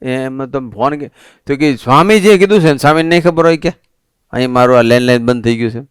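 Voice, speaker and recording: A monk preaching a sermon to a family assembly, telling stories in an animated, conversational way. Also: male voice, mid-range voice, fast, smooth, no room sound, clean studio sound. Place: assembly hall at a resort.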